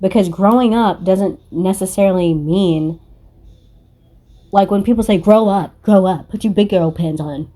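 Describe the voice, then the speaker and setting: Swearing without hesitation, this woman delivers a casual spiritual card reading that's blunt and confrontational. She's a tarot reader who makes spiritual content, speaking unhurriedly in a dark, mid-range voice.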